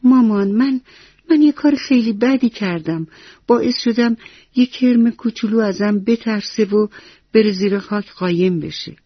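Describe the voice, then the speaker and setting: A woman's voice: a little high, no echo, lo-fi sound, natural voice. A woman voicing an anxious, kind-hearted little girl who talks in an earnest, worried way.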